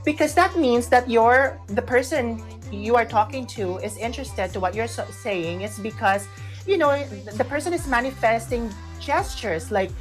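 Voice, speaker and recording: A woman with a Filipino accent co-hosts an online radio show, her voice on the high side at a moderate pace. She explains things casually and emphatically, mixing in Tagalog, while background music plays behind her.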